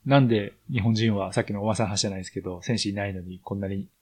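A man's voice: on the low side, steady tone, very fast, darkish tone, breathy edge. A man hosting a podcast interview. He asks long, winding questions in a polite tone.

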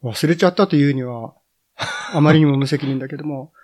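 A middle-aged man talking as a podcast guest, reminiscing in an unhurried way with many drawn-out fillers. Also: on the high side, darkish tone. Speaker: guest, editor and cycling journalist. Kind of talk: casual podcast conversation.

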